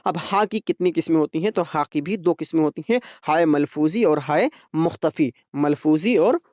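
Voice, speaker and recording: A man teaching a grammar lesson for exam preparation, patiently explaining rules, repeating example words slowly and stretching them out, and often checking that the listener is following. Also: fairly high pitch, a little mellow, dry recording, studio quality.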